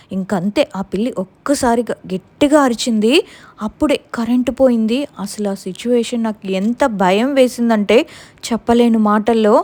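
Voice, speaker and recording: A young woman with a Telugu accent tells her own ghost story. Her voice sits fairly high, and she recounts it in an earnest, tense way. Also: dark tone. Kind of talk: first-person ghost story narration.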